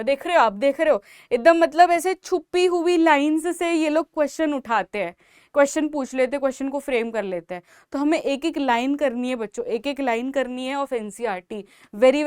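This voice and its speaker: Young Indian woman, high-pitched, loud emphatic biology teacher, dry close recording. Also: no echo. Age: young adult. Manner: emphatic, repetitive, motivational, calls out loudly to students. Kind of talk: exam-prep lecture in Hindi mixed with English.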